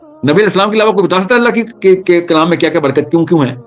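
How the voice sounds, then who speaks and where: A man's voice: high-pitched, faint music behind. A man giving a religious talk, telling stories with energy and mixing English terms into his speech. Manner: animated storytelling, mixing English terms into Urdu. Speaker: Islamic speaker.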